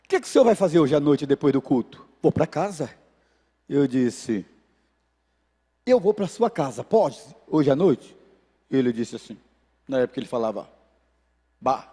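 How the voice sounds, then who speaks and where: A man's voice: mid-range voice, normal speed, pauses often, husky. A male pastor with a Brazilian Portuguese accent preaching a sermon, telling an anecdote and acting out the voices of the people in it. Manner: animated, acts out voices in anecdotes. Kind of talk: sermon with storytelling. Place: church sanctuary. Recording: reverberant church hall.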